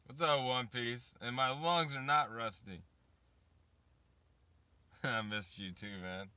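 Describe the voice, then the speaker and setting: Speaking slowly in a medium-pitched voice that is pushed, bright and smooth, a thirty-something vlogger rambles to his viewers about waiting and raising kids, swearing freely and talking straight to chat. No room sound can be heard.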